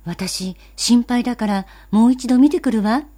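A woman's voice: on the high side, unhurried, mellow. A woman voicing a schoolgirl big sister who talks politely and primly and scolds her little brother. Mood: tearful. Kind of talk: storybook reading.

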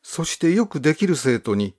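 Lively-pitched male storybook narrator. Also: moderate pace. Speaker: audiobook narrator. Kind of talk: calm literary storybook narration.

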